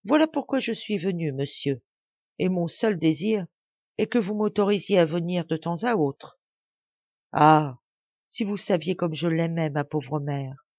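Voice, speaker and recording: A woman's voice: lowish voice, lively intonation, moderate pace, creaky, dark tone, dry recording, muffled recording. A woman voicing a sly young boy prankster in a storybook, who pleads in a mock-tearful way. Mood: pleading.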